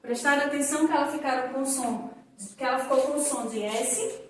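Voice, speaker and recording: A woman teaching young children in a recorded lesson, drawing out example words slowly for them to repeat. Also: high-pitched, steady tone, a little hiss or hum. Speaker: primary school teacher. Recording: echoey room, voice from a distance.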